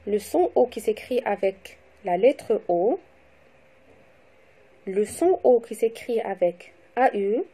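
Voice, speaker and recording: A woman teacher giving a slow, deliberate phonics lesson to young children, spelling out letters and syllables. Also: fairly high pitch, warm tone, slightly rough. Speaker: primary school teacher.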